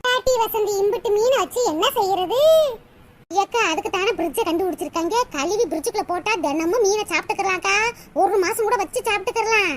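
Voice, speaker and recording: A woman doing a squeaky grumbling village granny. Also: quick pace. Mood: gossiping. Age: older. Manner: scolding, self-pitying complaints. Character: grumbling elderly village grandmother. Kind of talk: cartoon comedy voice acting. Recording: loud background hiss.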